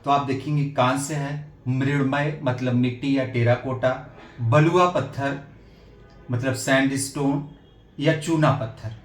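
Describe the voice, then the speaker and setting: A male teacher giving an earnest exam-prep lesson, repeating his points and pausing with hesitation fillers. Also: medium pitch, fairly even intonation, echoey room, faint music behind.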